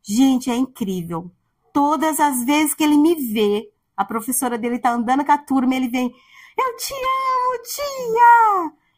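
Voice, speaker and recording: A woman preaching a heartfelt sermon in a conversational way, growing soft and quiet at tender points. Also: high-pitched, normal speed. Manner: heartfelt, conversational, speaks softly at tender moments. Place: church.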